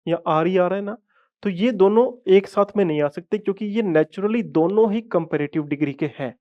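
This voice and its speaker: Male grammar teacher, fairly high voice, patient step-by-step explainer who keeps checking in with students; dull lo-fi audio. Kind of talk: live online grammar class.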